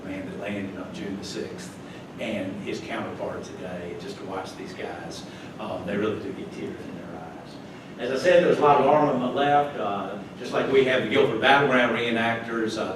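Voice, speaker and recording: An older North Carolina man, a club's guest speaker, gives a chatty, folksy slide talk in a meeting hall, tossing in chuckling asides. His voice is fairly low with fairly even intonation, moderate pace, and few pauses. The recording is noisy and echoey, captured from a distance.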